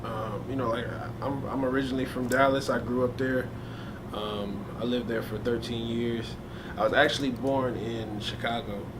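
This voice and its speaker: A man's voice: medium pitch, steady tone, normal speed. A young man, a hip hop artist, telling stories about his life in a casual, slangy, laid-back way during an interview. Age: young adult. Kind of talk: casual storytelling. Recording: noisy ambience.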